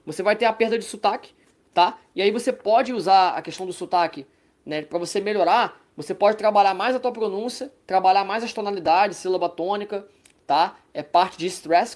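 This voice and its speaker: A woman's voice: medium pitch, darkish tone. A woman with a Brazilian Portuguese accent giving a casual online language lesson, chatting along and often checking in with her listeners. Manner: chatty, ends phrases with "tá?" check-ins. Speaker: language teacher.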